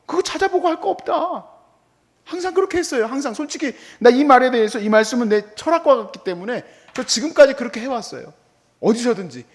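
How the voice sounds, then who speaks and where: A middle-aged man preaching in a church, his voice pitched high and swinging widely up and down. He talks to the congregation like a friend, slipping into little acted-out quotes of what people say. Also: fairly quick. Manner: animated, conversational preaching with quoted asides. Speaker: pastor. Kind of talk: sermon. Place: church hall.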